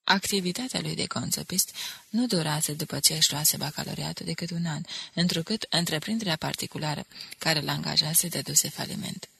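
Narrator: woman, bright and gravelly, dry close sound, measured audiobook reading. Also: low voice, no echo. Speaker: audiobook reader. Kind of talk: scripted narration.

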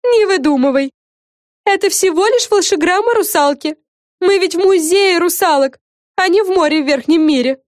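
A woman reading an audiobook, voicing a bossy, excitable fairy girl who hosts a show, talking in emphatic exclamations. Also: extremely high pitch, normal speed, no echo, studio quality, voice pushed up.

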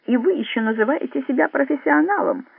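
A man voicing a pompous, indignant Soviet spy chief who blusters and shouts in an audiobook. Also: sits high, very animated, normal speed, husky, exaggerated voice. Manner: blustering, shouting, self-righteous. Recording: dry, phone-like narrow sound.

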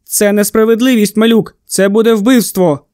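A man reading an audiobook, voicing a stern constable who questions slowly and pointedly. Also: high-pitched, fairly even intonation, a little mellow, no room sound, clean studio sound, lightly acted. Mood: pleading. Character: stern, incredulous small-town constable, male.

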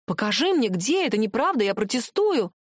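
A woman's voice: a little high, very animated, a little fast, no room sound, clean studio sound. A woman reading aloud, voicing a flustered middle-aged male professor who defends himself and protests. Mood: protesting. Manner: protesting, pleading, whiny.

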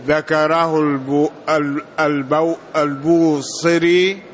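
A man reads a classical text aloud for his teacher in a lesson, slowly and haltingly, tripping over names. His voice is fairly high for a man. The recording is dull and lo-fi. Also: flat delivery. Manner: halting reading, stumbles on names. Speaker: student reading the text aloud.

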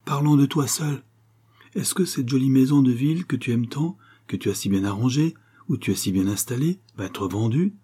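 A man's voice: medium pitch, normal speed, dark tone, slightly rough, voice pushed up, natural voice. A man doing an earnest young girl, pleading. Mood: anguished. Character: anxious devoted girl of eight.

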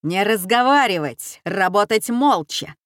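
Lady reading as a mean old gang boss lady, yelling orders, dry close sound. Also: on the low side, a little slow, no echo, lightly acted. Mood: commanding. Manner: barking orders, shouting. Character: harsh old woman gang leader, bossy and cruel. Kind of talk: audiobook character voice.

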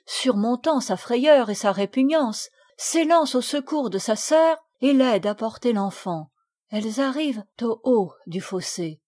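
A woman narrating a storybook aloud in a measured, expressive reading. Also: a little high. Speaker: audiobook reader. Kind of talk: audiobook narration.

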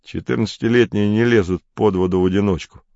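A man's voice: lowish voice, steady tone, fast talker, gravelly, mellow, no room sound, muffled recording. A man reading aloud, voicing a serious, stern teenage boy who leads the group. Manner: stern, grave.

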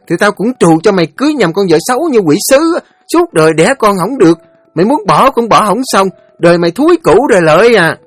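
A man voicing a foul-mouthed, shrill teenage village girl who screeches curses and fast threats. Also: fairly bright tone, no echo.

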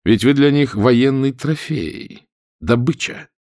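A man's voice: mid-range voice, slow, no room sound, studio quality, pitched above the performer's own voice. Captain Blood, cold ironic pirate captain, read by a man. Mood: calm. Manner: calm, cold, mocking.

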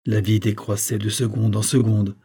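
A man reading a novel aloud as an audiobook narrator, steady and measured. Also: on the low side, breathy edge. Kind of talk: scripted narration.

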